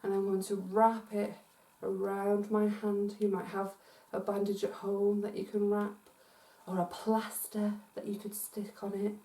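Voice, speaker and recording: Speaking off-mic in a room with roomy echo, a woman from Scotland guides kids at home through an interactive, multi-sensory story, animated and encouraging as she invites them to take part. Her mid-range voice is unhurried.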